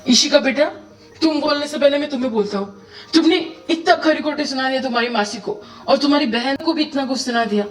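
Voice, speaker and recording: A woman's voice: high voice, a little fast, soft background music, close to an everyday voice. Doll story: woman voicing a stern middle-aged father, firm and lecturing; roomy, distant recording.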